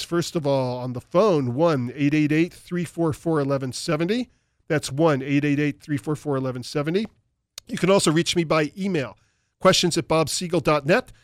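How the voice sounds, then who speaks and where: A man with a slightly high voice hosts a talk radio show, giving emphatic, opinionated commentary and reading listener emails aloud. He's on a studio microphone, with studio-quality sound and no echo.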